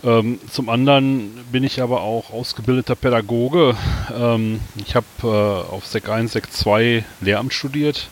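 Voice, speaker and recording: A man explaining things casually and haltingly as a podcast guest. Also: mid-range voice. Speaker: podcast guest, trained educator. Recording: faint hiss behind the voice.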